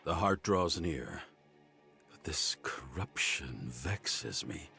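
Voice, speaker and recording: A solemn forest guardian speaks low and gravelly, taking his time. His grave fantasy-game lines swing in pitch over clear music. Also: animated, takes it slowly, sharp tone, heavily acted. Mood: grave concern. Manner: solemn, archaic phrasing.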